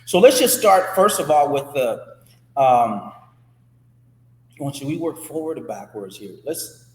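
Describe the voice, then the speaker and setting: A man's voice: medium pitch, very animated, unhurried, reverberant, long reverb tail, rough recording. A man hosting an interview, chatty, often repeating words as he frames his questions. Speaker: host. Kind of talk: conversational interview.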